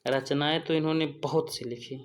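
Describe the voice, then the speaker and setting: A man's voice: fairly high pitch, fairly even intonation, a little fast. A man teaching an exam-prep lesson, quizzing himself aloud and repeating each answer twice. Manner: repeats each answer, asks and answers his own questions. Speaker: Hindi exam tutor.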